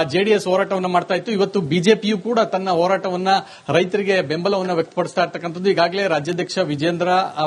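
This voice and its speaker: A male political reporter on a live link, with a clearly high voice. He talks steadily and at length, filling gaps with hesitant sounds as he lays out the story. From Karnataka, India. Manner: fluent reporting with frequent hesitation fillers. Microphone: phone or remote live link.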